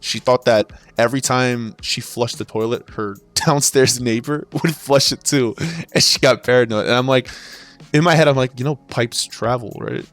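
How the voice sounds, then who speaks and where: Exasperated man ranting, heavy swearing. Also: medium pitch. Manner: profane, exasperated, with frequent restarts. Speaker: retail sales worker. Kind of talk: ranting storytelling.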